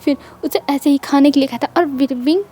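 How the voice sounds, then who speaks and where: High-voiced woman storyteller. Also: quick pace, mellow, a little hiss or hum. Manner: chatty, conversational retelling. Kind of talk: fan fiction story narration.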